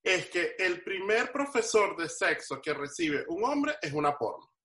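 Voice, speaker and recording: A Latin American man co-hosts a talk show, playful and talking straight to the group. His voice sits very high and sounds bright and sharp, with the room's echo around it. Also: very animated, a little slow. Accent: Latin American Spanish. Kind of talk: casual chat.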